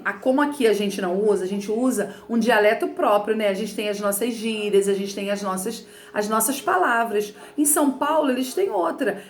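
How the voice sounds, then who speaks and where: A woman's voice: mid-range voice, roomy sound. A woman teacher from Rio de Janeiro with a Carioca accent, explaining a textbook lesson in a chatty way and often checking in with her students. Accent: Carioca Portuguese. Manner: chatty, explanatory, frequent "né" and "tá bom". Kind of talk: remote lesson reading from a textbook.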